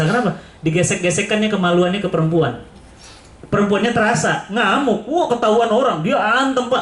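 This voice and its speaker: A man preaching a sermon to a congregation in an Indonesian Jakarta accent, firing rhetorical questions, acting out people's lines and leaping up into high exclamations. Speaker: Islamic preacher. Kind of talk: lively sermon to a live congregation. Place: auditorium in a government building. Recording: echoey hall.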